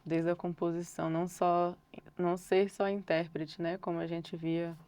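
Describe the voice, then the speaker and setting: A Brazilian singer-songwriter from Brasília gives reflective interview answers as a guest. Her voice is smooth, low-pitched and dark, with a flat delivery, and she speaks thoughtfully and unhurriedly, often hedging with filler words.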